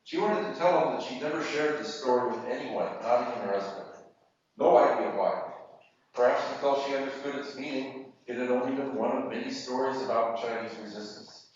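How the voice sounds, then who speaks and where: A man reading fiction aloud at a literary event, measured and deliberate with pauses, in a university hall. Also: mid-range voice, darkish tone, a little hiss or hum. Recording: echoey hall, distant mic, muffled.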